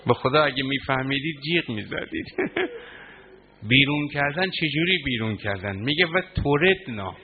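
A man's voice: medium pitch, few pauses. A man preaching a mourning sermon, impassioned, his voice breaking into sobs as he recounts the narration. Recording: tinny phone-like line, faint noise.

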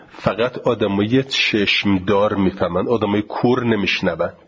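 A man teaching a class on grammar and recitation. He reads passages slowly, then explains them quickly in casual speech. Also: lowish voice, husky. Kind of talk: classroom lecture on Arabic grammar and Quran recitation. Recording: dull lo-fi lecture recording.

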